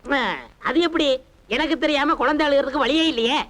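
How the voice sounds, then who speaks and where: A man's voice: extremely high pitch, fairly even intonation, brisk, fairly bright tone. An actor playing a nosy, cadging male caretaker who knows everyone's business, in a 1991 film comedy. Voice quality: nosy and wheedling.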